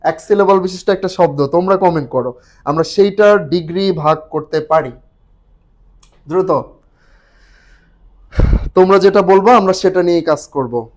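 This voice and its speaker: A man's voice: sits high, moderate pace, pauses often. A young man with a Bangladeshi accent teaching an exam prep class on a live stream. He explains step by step and keeps urging viewers to comment. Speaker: online admission test tutor.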